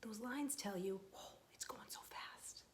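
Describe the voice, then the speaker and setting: Whispering in a mid-range voice, a young woman who works as a children's librarian reads a picture book to little kids without hurrying. She's gentle and patient, pausing after her questions so they can answer.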